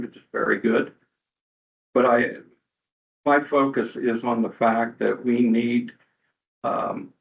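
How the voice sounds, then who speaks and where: A man's voice: on the low side, creaky. A middle-aged man, a city council member, making an earnest, plain-spoken appeal at a board hearing in a courtroom-style recording. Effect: courtroom-style hearing room recording. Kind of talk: public comment at a board hearing. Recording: dull muffled hearing room recording.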